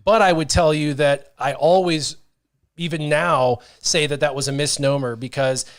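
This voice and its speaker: This livestream host, a man in his thirties, has a slightly high voice and there's no echo in the recording. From a little studio with a brick wall, headphones on and a studio mic on a stand, he animatedly shares stories and responds to comments from viewers in a casual chat.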